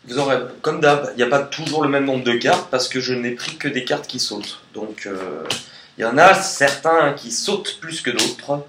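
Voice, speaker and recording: A man's voice: mid-range voice, normal speed. Guy doing a laid-back tarot reading, talks loose and chatty, bit of room echo and faint hiss. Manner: chatty and relaxed, sings snatches of songs. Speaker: tarot card reader. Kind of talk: casual tarot reading video. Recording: echoey room with faint noise.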